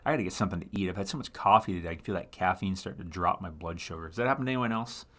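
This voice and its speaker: A man with a fairly low voice hosts a relaxed live stream and talks through charts as he goes. He rambles and thinks aloud, stops to correct himself, and answers viewer comments along the way. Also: very fast. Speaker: livestream host. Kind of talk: casual live chart analysis.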